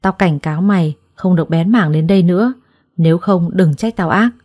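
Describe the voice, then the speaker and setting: A woman's voice: lowish voice, fairly quick, a little mellow, no echo, clean studio sound, lightly acted. A woman voicing a harsh, spiteful older adoptive mother who scolds with scorn in a storybook reading. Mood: scornful.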